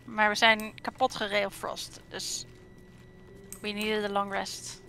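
A woman's voice: medium pitch, flat delivery, slow pace, creaky, bright, forceful tone, slight background noise. A woman chatting casually and upbeat while playing a game with friends. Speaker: gamer. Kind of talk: casual gameplay chat.

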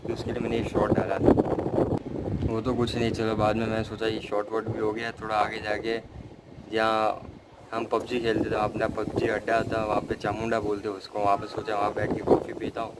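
A young man from India vlogging outdoors, rambling and self-critical, mixing English into his talk, with loud wind on the phone mic. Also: lowish voice, completely flat delivery, fairly quick. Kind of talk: casual vlog chat. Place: outdoors by a road, wind blowing. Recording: loud wind and street noise.

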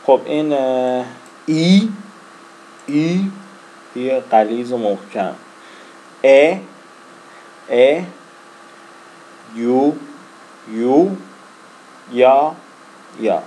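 A man from Iran teaching a casual lesson, speaking slowly and hesitantly, repeating each letter with frequent fillers. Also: mid-range voice, warm tone, slight background noise, low-quality recording. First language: Persian. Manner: slow and halting, with frequent fillers and letter-by-letter repetition. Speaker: language teacher.

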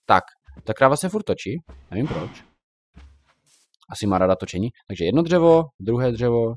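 A man's voice: mid-range voice, sing-song. Chatty young man commenting on gameplay. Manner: chatty, reacts loudly to in-game mobs. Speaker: Minecraft YouTuber.

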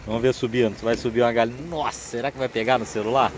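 A man's voice: mid-range voice, flat delivery, fast talker. A middle-aged man hosting a fishing vlog from a small boat at sea, chatting casually and joking as he narrates each catch. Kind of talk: casual chat while fishing. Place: small open boat on the sea by a rocky coast, outdoors. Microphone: action camera on the boat. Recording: outdoor boat recording with wind and water noise.

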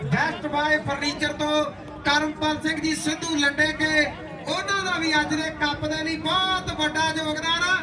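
A man's voice: extremely high pitch, flat delivery, normal speed. A man with a Punjabi accent giving running rural sports commentary on a kabaddi match, with bits of recited verse. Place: outdoor sports ground. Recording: echoey outdoor PA, distant, crowd noise.

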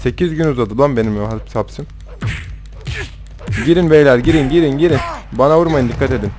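A young man talks over his gameplay from a home setup, loud, rowdy and swearing at the characters on screen. His voice sits at an ordinary middle pitch for a man. Faint music plays underneath. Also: fairly quick. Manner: rowdy, swearing, trash-talking the game characters. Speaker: gameplay commentator. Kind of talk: casual let's-play commentary.

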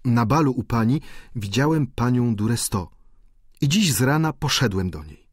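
A man's voice: medium pitch, expressive, moderate pace, breathy edge, no echo, clean studio sound. A man voicing an eager young student.

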